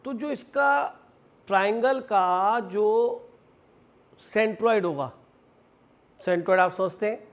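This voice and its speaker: High-voiced Indian maths teacher. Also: male voice, slow pace, pauses often. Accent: Indian English. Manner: explains step by step, asks and answers his own questions; addresses students affectionately as "beta". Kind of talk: classroom lecture.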